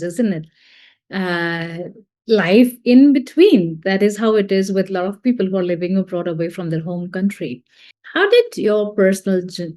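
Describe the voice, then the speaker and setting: A woman's voice: medium pitch, dark tone. A woman hosting a podcast interview, asking long, meandering questions. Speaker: podcast host.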